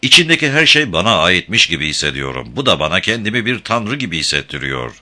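A confident young frontiersman talks in a steady, matter-of-fact way, voiced by a male narrator. His voice sits low and sounds bright and crisp. The reading moves lively through its pitch. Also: quick pace, full character voice. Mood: exultant.

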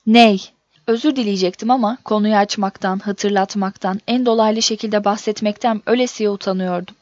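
A woman reading a first-person story aloud in a steady, measured audiobook narration. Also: mid-range voice, dry recording. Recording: dull dry recording.

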